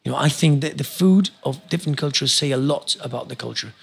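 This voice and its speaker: A man's voice: mid-range voice, fast, creaky, husky. A man from Argentina, a podcast guest, talking passionately and urging listeners to try new things, often repeating words as he goes. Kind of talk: casual interview chat.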